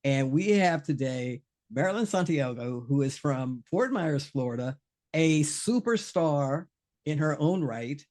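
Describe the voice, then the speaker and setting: A man hosting a podcast interview, relaxed and rambling, often repeating words. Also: fairly high pitch, measured pace. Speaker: podcast host. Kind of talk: casual interview.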